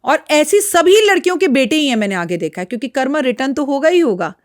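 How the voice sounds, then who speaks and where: A woman's voice: high-pitched, big pitch swings, fast, dry recording, clean studio sound. A woman astrologer speaking as a podcast guest, frank and lecturing in a blunt, outspoken way. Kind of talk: podcast interview talk.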